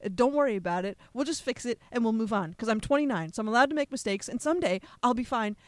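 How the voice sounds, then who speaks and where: A woman's voice: on the high side, animated, fast, dry recording. A woman hosting a casual podcast, chatty and sarcastic. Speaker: podcast host.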